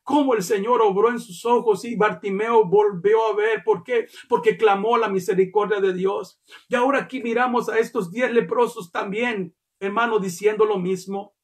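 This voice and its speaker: A very high-pitched male pastor delivering a fervent sermon. He keeps calling his listeners brother, stumbles over repeated words and breaks into shouts at his strongest points. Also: steady tone, normal speed. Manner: rises to shouts at key points; repeats and restarts words while preaching.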